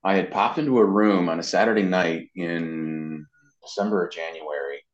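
This middle-aged interviewee's voice sits low and moves at normal speed as he casually recounts anecdotes. An amateur voice actor, he plays out the quoted dialogue, recorded with a dull, echoey, roomy quality.

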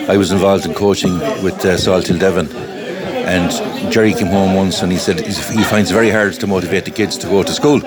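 A man from County Clare with a west of Ireland accent, reminiscing thoughtfully and hesitantly in an interview. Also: low voice. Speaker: interviewee sharing memories of a friend. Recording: music and loud crowd behind. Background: music and crowd.

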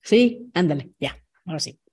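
A woman's voice: on the low side, animated, moderate pace, darkish tone, breathy edge. A Mexican woman hosting a casual coaching podcast, chatty and digressive, acting out sales conversations. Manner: chatty, digressive, role-plays sales dialogues. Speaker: podcast host.

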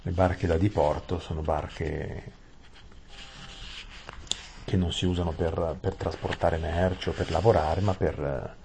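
A man reading a bedtime story aloud in a gentle, soothing way, with small restarts. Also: deep voice, gravelly, slight background noise.

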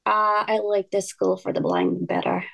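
Her medium-pitched voice is creaky and fairly bright, steady in tone and moderate in pace. She is a Japanese woman in her twenties, a guest on a casual podcast, speaking accented English hesitantly while searching for words.

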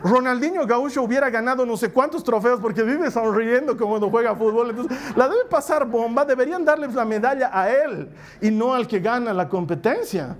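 A man preaching a conversational sermon, telling humorous personal stories and slowing down to stress key points. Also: extremely high pitch, expressive. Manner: humorous, storytelling, slows for emphasis.

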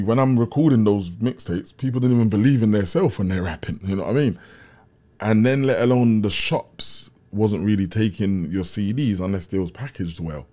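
A man's voice: fairly low pitch, dark tone. A man with a South London accent telling stories casually as an interview guest, using street slang and often checking that he is understood. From Brixton, south London. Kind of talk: casual conversational storytelling.

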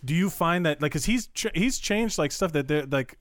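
A man's voice: on the high side, animated, moderate pace, no echo, studio quality. A man talking loosely about comedians, full of fillers and swearing. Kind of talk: casual podcast chat.

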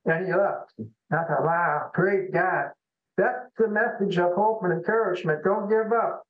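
A man with a fairly high voice tells a story in an earnest, folksy way. He comes through a tinny phone line. The sound is echoey. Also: moderate pace. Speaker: guest. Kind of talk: storytelling on a call-in show.

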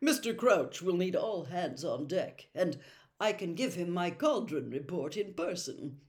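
A woman voicing a pompous, self-important young man, loud and indignant. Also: on the low side, expressive, normal speed.

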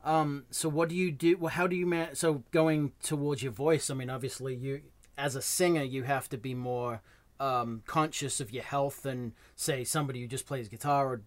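A man's voice: mid-range voice, steady tone, normal speed. A man interviewing a musician, asking long rambling questions and giving short replies in between. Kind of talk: casual interview.

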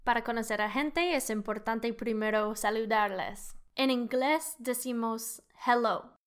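A podcast host teaching a language lesson models Spanish phrases for listeners to repeat; she speaks Spanish as a second language with an English accent. Her voice is slightly high, smooth and measured.

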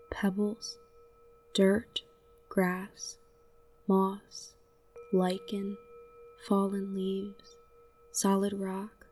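Speaking at medium pitch from a distant mic, a woman leads a scripted guided meditation. Her manner is soft and calming, with short phrases separated by long pauses.

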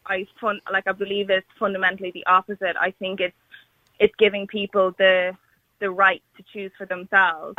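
A woman calling in to a radio debate over a phone line. She speaks earnestly and haltingly, restarting her sentences and filling them with "like" and "you know". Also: mid-range voice, level tone, no echo. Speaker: radio caller. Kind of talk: call-in debate. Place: calling in by phone, not in the studio.

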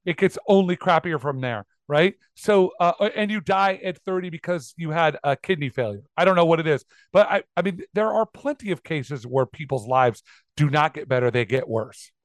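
A man co-hosting a podcast, talking through sermons in casual, animated commentary and slipping into mocking asides. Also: fairly high pitch, normal speed, dry recording. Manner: animated, mock voices in asides. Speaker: podcast co-host.

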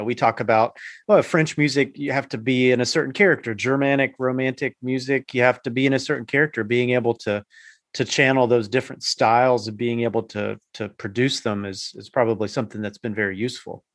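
A man's voice: medium pitch, fairly even intonation, brisk, no echo, clean studio sound. A man hosting a podcast interview, putting thoughtful, long-winded follow-up questions to his guest. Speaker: podcast host. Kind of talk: conversational interview.

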